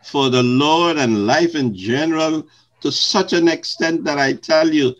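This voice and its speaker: An older man from Guyana, a retired pastor, answering interview questions in slow, measured, formal phrasing. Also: on the high side, muffled recording.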